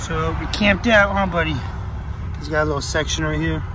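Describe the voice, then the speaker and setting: A man's voice: a little high, normal speed, distant mic, background noise. A tired young man filming a casual vlog in his car, rambling and swearing often. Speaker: vlogger. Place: inside a car.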